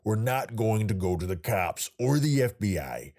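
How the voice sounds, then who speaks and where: A man doing a calm, reassuring investigator. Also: fairly low pitch, moderate pace. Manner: reassuring, persuasive.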